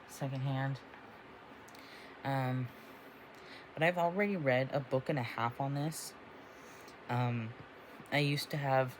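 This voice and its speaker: A man's voice: medium pitch, a little hiss or hum, low-quality recording. A young man of about twenty chatting casually in a book vlog, rambling with lots of ums and restarts. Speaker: book vlogger. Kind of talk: casual bookish vlog chat.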